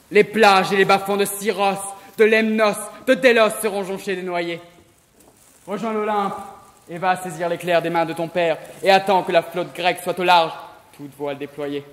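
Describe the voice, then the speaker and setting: Sea god for stage tragedy, young male actor: high voice, solemn declamation, hall reverb. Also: close to an everyday voice. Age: young adult. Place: large theater stage.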